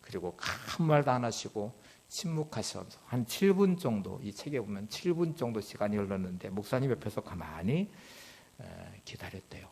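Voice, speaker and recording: A man preaching a Sunday sermon as pastor. He tells a story and acts out the people in it, swinging between loud, urgent questions and low, quiet narration. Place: church sanctuary.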